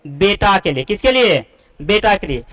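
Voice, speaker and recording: A man's voice: high voice, big pitch swings, normal speed, fairly bright tone, low-quality recording. A man teaches a class. He quizzes his students and answers his own questions. He repeats the key points again and again. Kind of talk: classroom-style lesson explanation.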